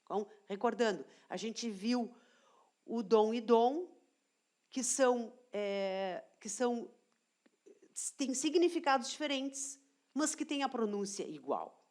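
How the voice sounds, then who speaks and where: Slow, high-voiced Brazilian teacher woman. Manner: slow, careful example sentences, then animated explaining with restarts. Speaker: Spanish teacher. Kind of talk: online grammar lesson.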